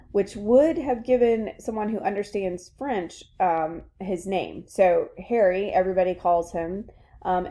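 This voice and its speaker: Woman, teacher, literature lesson, conversational, filler words, mellow voice. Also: fairly low pitch. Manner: conversational, explaining to students, frequent fillers.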